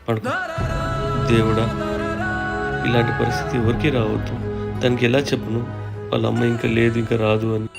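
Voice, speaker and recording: An actor playing a gentle, grieving young father who coaxes and soothes his little daughter. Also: medium pitch, completely flat delivery, fairly quick, creaky, pauses often, over loud music, close to an everyday voice. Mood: sorrowful. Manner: soothing, coaxing.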